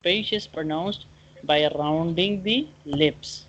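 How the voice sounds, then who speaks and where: In a one-on-one online lesson, a Quran teacher with a medium-pitched, slightly bright voice haltingly explains and drills pronunciation, repeating points and frequently checking for understanding. The call sounds dull and lo-fi, with clear background noise.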